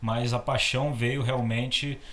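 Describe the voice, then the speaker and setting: A man at a middle pitch hosts an interview podcast. He asks questions and sums up what his guest has said. In between he adds short, encouraging affirmations. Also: little pitch movement, takes it slowly, fairly bright tone. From Brazil. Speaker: podcast host. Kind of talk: casual interview chat.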